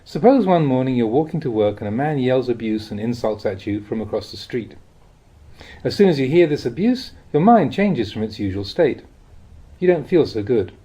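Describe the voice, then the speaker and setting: In an audiobook of a spiritual talk, a man reads Buddhist teachings. His mid-pitched voice is mellow and slightly husky, rising and falling in a lively way, and his delivery is measured and explanatory.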